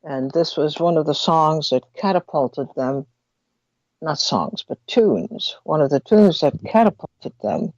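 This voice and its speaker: A woman hosting radio talk and commentary, speaking haltingly and deliberately with long pauses, slightly muffled because an injured mouth will not open all the way. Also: deep voice, darkish tone. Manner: slightly muffled speech through a barely opened mouth. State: mouth injured from a fall, cannot open it fully. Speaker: radio talk show host. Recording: dull, roomy lo-fi sound.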